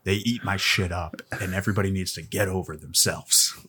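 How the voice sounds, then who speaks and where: A man, a comedian guest on a podcast, telling deadpan, self-mocking jokes in casual chat. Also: sits low, a little slow, a little hiss or hum.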